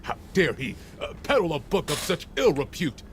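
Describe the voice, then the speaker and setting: An actor playing an indignant, blustering male customer with a pompous manner and a gravelly voice in a game. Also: fairly high pitch, very animated, moderate pace, a little hiss or hum.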